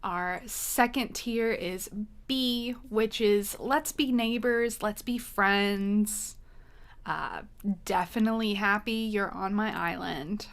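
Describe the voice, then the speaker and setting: A woman's voice: medium pitch, slow. A woman giving her casual, dryly sarcastic take as she ranks game characters in a tier-list vlog. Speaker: gaming video creator.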